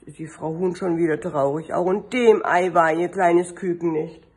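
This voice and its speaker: A woman kindergarten teacher reading a picture book aloud to children, telling the story slowly with sing-song refrains. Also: lowish voice, fairly even intonation, darkish tone.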